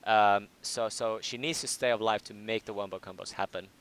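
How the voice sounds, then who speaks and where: A young esports caster with a lowish, smooth, fairly bright voice commentates a student match live, analyzing the team picks. He talks a little fast with fairly even intonation and often restarts his phrases as he thinks aloud.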